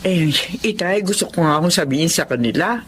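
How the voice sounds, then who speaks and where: An actor playing a gentle, respectful older mother and grandmother in a radio drama, speaking politely to her husband. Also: mid-range voice, expressive, brisk, a little hiss or hum, lightly acted. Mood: hopeful. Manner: polite, deferential speech.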